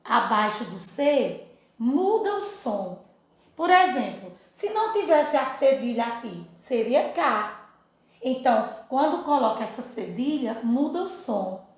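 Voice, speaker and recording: Slow, high-voiced Brazilian teacher in an echoey room. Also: female voice, very animated. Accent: Brazilian Portuguese. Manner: slow, sing-song syllable drills with many "né?" checks. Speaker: first-grade teacher. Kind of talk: children's phonics lesson.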